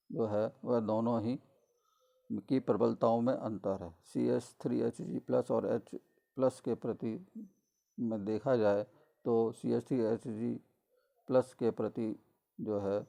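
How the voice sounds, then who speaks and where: Man, chemistry lecturer, gravelly, dark voice, measured explanatory pace, middle-aged. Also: medium pitch. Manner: measured explanatory delivery with frequent fillers and self-corrections. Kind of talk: recorded college lecture.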